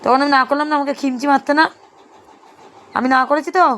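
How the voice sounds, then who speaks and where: A woman's voice: sits high, steady tone, quick pace, a bit bright. A young Bengali mother talking to her baby at home at night, firm scolding that turns into sing-song baby talk. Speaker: mother vlogger.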